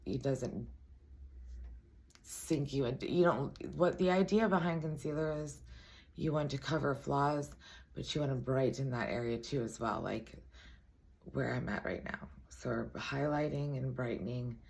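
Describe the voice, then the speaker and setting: A woman with a raspy voice giving a casual makeup tutorial, chatty and full of self-deprecating asides. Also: extremely low pitch, a little slow, darkish tone.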